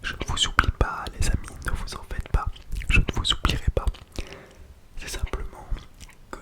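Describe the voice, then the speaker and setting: Man whispering softly, quiet late-night ASMR. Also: normal speed. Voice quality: soft breathy whisper with audible nose breath on the mic. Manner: hushed, quiet-at-night bedtime murmur, lingering repetition of words. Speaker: ASMR content creator. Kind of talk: ASMR vlog, whispered casual chat. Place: small home toilet room, indoors. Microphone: close sensitive microphone without windscreen.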